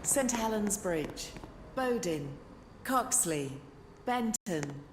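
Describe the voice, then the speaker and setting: A woman giving automated railway announcements over a train station loudspeaker, slow and measured. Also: medium pitch. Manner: slow, even, measured delivery. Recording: echoey station hall with background noise.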